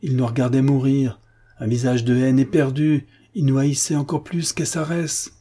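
A man's voice: mid-range voice, level tone, normal speed, dark tone, slightly rough, pitched above the performer's own voice, natural voice. A man voicing a young army captain who breaks into anguished, frantic outbursts in an audiobook. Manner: cries out in raised, frantic outbursts.

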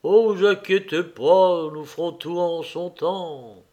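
A man's voice: sits high, slow, dark tone. A man reading an audiobook voices a male estate steward who drawls excuses and starts his lines with "ben" and "oh". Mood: placating. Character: fretful peasant estate steward, male, evasive.

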